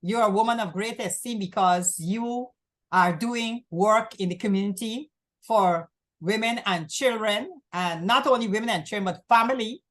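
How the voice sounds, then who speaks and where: A woman's voice: medium pitch, moderate pace. A woman from Guyana hosting a community access talk show, talking in long rambling runs and often repeating herself. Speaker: host.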